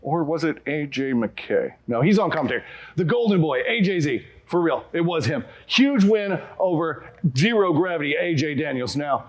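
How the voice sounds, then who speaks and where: Wrestling skit character, male actor as a puzzled big guy, lively swinging intonation. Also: a little high, moderate pace. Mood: upbeat, expectant. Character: bewildered wrestling show character, a big guy awaiting a present.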